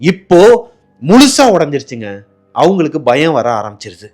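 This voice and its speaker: Lively man telling a horror story. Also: normal speed. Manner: acts out dialogue, drops low and quiet for suspense. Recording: faint background music.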